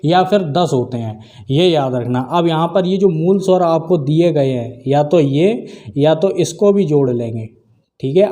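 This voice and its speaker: A man's voice: fairly high pitch, warm tone. A man teaching an exam-prep grammar lesson, who keeps saying "theek hai" and asks and answers his own questions. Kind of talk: video lesson explaining grammar.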